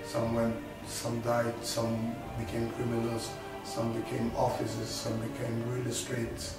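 A Senegalese boxer and rapper introduces himself casually to the camera, indoors in front of a studio backdrop. His medium-pitched voice is completely flat and unhurried, and he rambles, repeating and restarting phrases. The recording is very echoey and distant, with music behind him.

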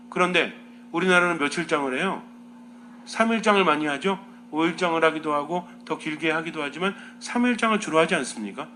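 Bright-voiced priest preaching a homily. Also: male voice, fairly high pitch, a little hiss or hum. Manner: asks the listeners many questions, lively teaching tone.

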